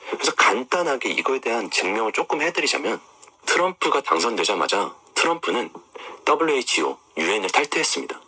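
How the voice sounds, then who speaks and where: A man's voice: sits low, sharp tone, breathy edge. A man talking straight to his viewers, walking them through maps and images and asking them rhetorical questions. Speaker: online commentator. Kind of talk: explanatory monologue to viewers.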